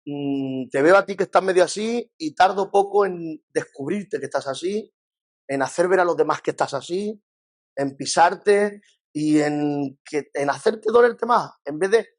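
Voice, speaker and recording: A man's voice: on the high side, unhurried. A man with a Spain Spanish accent, a pastor giving a conversational church lesson, acting out what people say and asking rhetorical questions. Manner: lively, acts out quoted voices, rhetorical questions.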